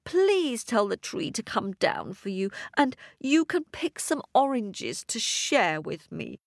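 A woman's voice: on the high side, big pitch swings, slow pace, gravelly, no room sound, studio quality, exaggerated voice. A woman voicing a greedy, grasping stepmother in a told fairy tale, growling, lip-smacking and demanding. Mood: pleading.

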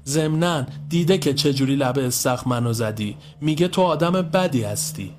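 Guy doing a timid little girl voice, high and soft, kinda pleading. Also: close to an everyday voice. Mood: hesitant. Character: shy, apologetic young girl.

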